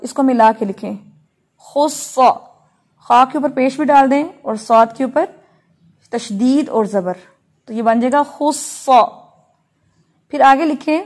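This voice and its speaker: Woman, Tajweed teacher, slow and patient, repeats sounds for the class, slightly high pitch. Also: darkish tone. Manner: slow, patient, drills letters aloud with frequent check-ins. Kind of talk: online Quran recitation class.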